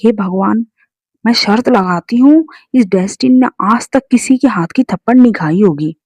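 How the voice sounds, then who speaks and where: A woman's voice: on the high side, expressive, normal speed, darkish tone, breathy edge, dry recording. A woman voicing a proud, fiery young waitress, read out plainly in her own voice. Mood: rattled. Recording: dull lo-fi recording.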